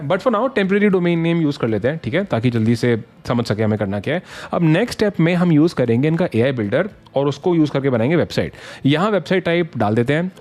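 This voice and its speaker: A man's voice: a little high, a little mellow. A man in a casual, conversational explainer style, mixing English phrases into his talk and checking in with listeners often. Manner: conversational, mixes English phrases, frequent "thik hai?" check-ins. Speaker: online business educator.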